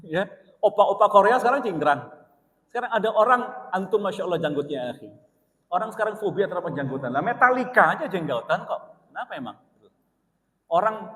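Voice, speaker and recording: A man preaching in a mosque, with a fairly high voice and an East Javanese Indonesian accent. He tells his story in a lively way, jumping from loud cries to quiet asides. The sound rings with the long reverb of a large hall. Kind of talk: mosque sermon with personal story.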